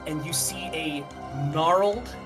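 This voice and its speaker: A game master narrating a tabletop game, describing scenes in an unhurried way over faint music. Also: mid-range voice.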